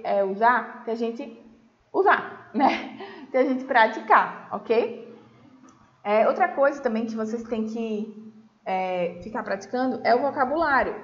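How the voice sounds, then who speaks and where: A woman's voice: on the high side, expressive, reverberant, muffled recording. A woman with a Brazilian Portuguese accent teaching English to children in a recorded lesson, patient and checking in often. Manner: patient, explains slowly, checks in with "tá?" and "certo?". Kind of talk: recorded remote class for children.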